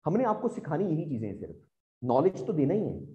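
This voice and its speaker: A man's voice: a little high, very animated, fast talker, warm tone, highs cut off. A man with a Pakistani Urdu accent lecturing exam students as a teacher, asking rhetorical questions and often checking whether they follow.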